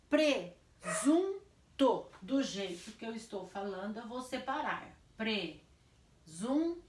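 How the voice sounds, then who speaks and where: Slow, echoey Brazilian woman teacher. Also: high-pitched. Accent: Brazilian Portuguese. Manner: stretches words slowly syllable by syllable, asks and answers own questions. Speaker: primary school teacher. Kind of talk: recorded class lesson for children.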